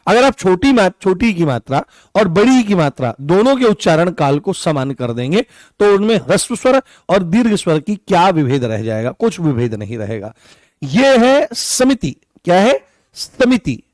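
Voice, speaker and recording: Lively male teacher with a cough. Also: high voice, normal speed, dry recording. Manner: lively, repeats key points as questions to students. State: coughing, hoarse. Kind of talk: online exam-prep class. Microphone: own mic.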